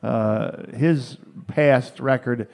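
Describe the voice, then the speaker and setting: Blunt talk host, a man with a gravelly voice and strong opinions. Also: medium pitch, very slow, darkish tone. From Chicago, United States. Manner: blunt, opinionated, frequent short agreements. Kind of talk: radio talk interview.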